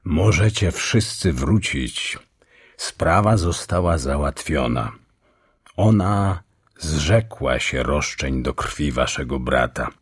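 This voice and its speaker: Calm wise lion voiced by a guy, super deep and rough, slow and cool, rises and falls a lot. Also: exaggerated voice. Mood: commanding. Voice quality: very deep gravelly voice. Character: great wise lion, calm, grave and commanding. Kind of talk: audiobook role reading.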